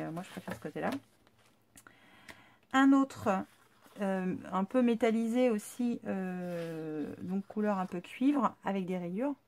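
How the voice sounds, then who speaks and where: A woman's voice: on the low side, a little mellow, a little hiss or hum. A woman YouTuber chatting casually through an unboxing, chatty and enthusiastic, with many fillers. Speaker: craft YouTuber.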